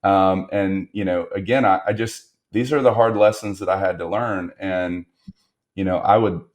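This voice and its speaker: A man's voice: low voice, fairly even intonation, moderate pace. A man speaking as a guest on a business podcast, reflecting on lessons learned and stressing points by repetition. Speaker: guest entrepreneur. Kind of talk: podcast interview.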